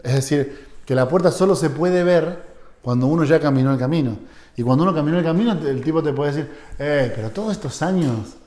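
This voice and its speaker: A fairly high-voiced man teaching a seminar. His tone is dark and mellow. He keeps checking in with his listeners and briefly acts out imagined exchanges. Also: fast talker. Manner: conversational, asks the audience for agreement, acts out short quoted dialogues. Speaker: seminar lecturer on psychoanalysis. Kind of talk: live seminar lecture.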